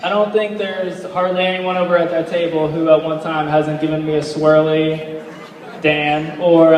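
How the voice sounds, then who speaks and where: Young male best man, higher voice, rambling heartfelt speech with hesitant delivery, recorded from afar in a reverberant hall. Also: slight background noise. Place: large reverberant indoor reception room. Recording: echoey hall, distant microphone.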